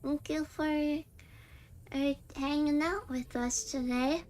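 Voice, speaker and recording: A woman hosts a livestream, chatting casually while she plays a game, with game music and character voices behind her. Her voice is high-pitched and darkish in tone, with fairly even intonation and a slow pace.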